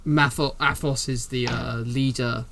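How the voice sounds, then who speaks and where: A man's voice: mid-range voice, fairly even intonation, measured pace, creaky, background noise. A man voicing a frightened, fawning middle-aged nobleman in a tabletop game, talking with nervous, stammering politeness.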